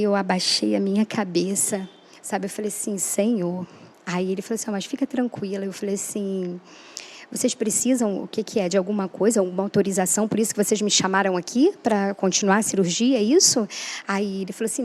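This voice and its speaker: A woman's voice: medium pitch, a little mellow. A woman guest giving an emotional personal testimony, earnest and acting out the dialogue she recalls. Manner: earnest, re-enacts dialogue, frequent "né?".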